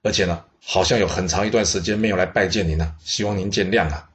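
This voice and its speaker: A man voicing an elderly court minister who speaks slowly, politely and persuasively. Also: low voice, highs cut off, lightly acted. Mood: coaxing.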